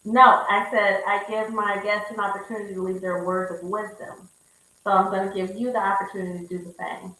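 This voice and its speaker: A woman's voice: mid-range voice, flat delivery, fairly quick, bright, forceful tone, distant mic. Woman host of a live-stream chat, easy laughter, strong room echo. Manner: laughs often, affirming "okay". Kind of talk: casual live-stream interview.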